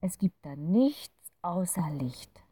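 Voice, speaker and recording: A woman voicing a kind, gentle fairy creature who explains things patiently in a soothing storybook voice. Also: fairly low pitch, sing-song, takes it slowly, breathy edge, no echo, recorded from a distance, exaggerated voice.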